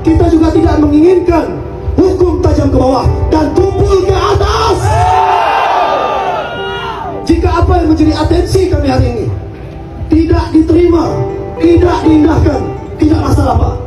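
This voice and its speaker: Fiery high-pitched male revolutionary orator, shouting. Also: normal speed, long pauses, distant mic. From Kalimantan, Indonesia. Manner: impassioned, forceful, rhetorical questions to the crowd. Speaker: protest leader, activist speaker. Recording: echoey loudspeaker from afar, loud music, crowd. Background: loud music and crowd noise.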